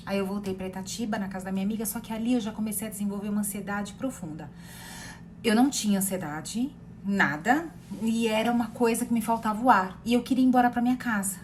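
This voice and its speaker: A woman in her thirties with a Brazilian accent, a therapist telling a personal story in a rambling, animated way with many fillers and repeated words. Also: mid-range voice, slight background noise. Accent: Brazilian Portuguese. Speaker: therapist sharing personal experience.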